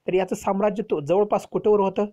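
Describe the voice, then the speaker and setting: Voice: medium pitch, fairly even intonation, fast talker, dark tone. A teacher telling a history lesson to children, explaining step by step and asking rhetorical questions.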